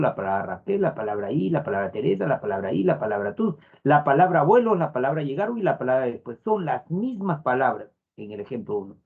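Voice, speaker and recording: A man's voice: medium pitch, breathy edge. Man teaching over a tinny line. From Peru. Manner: repeats phrases, frequent "estamos" and "a ver" fillers. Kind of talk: online class lecture. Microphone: phone. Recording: tinny phone-like lo-fi audio.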